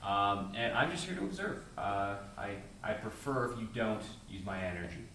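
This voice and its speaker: A man's voice: fairly low pitch, sing-song, moderate pace, pushed and bright, slight background noise. A man observing a ghost hunt, speaking hesitantly with many fillers. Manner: hesitant, filler-heavy speech. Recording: distant mic in echoey room.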